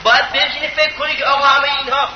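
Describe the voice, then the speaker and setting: A man preaching a sermon in a very high voice, pressing his listeners with pointed rhetorical questions. The sound is dull and lo-fi, with clear noise behind him. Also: flat delivery, reverberant. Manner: emphatic, rhetorical questions to the audience.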